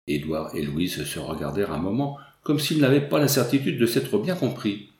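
Un narrateur masculin de livre audio, au débit posé et à la diction soignée. La prise de son a un écho de pièce bien audible. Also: male voice, on the low side, moderate pace, a little mellow. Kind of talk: scripted narration. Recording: roomy echo.

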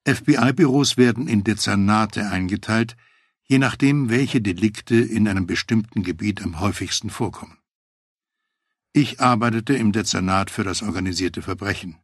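A man narrating a first-person memoir audiobook in a measured, matter-of-fact way. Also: lowish voice, slightly rough, dry recording, clean studio sound.

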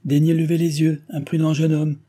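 Man voicing proud noble mother, haughty, enraged; pitched up, husky. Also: completely flat delivery, a little fast, mellow. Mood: haughty anger. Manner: haughty, angry.

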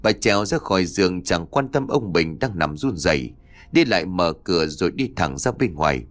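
A man reading a horror audiobook aloud with expressive storytelling. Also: deep voice, normal speed. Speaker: audiobook narrator. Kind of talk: scripted horror story narration.

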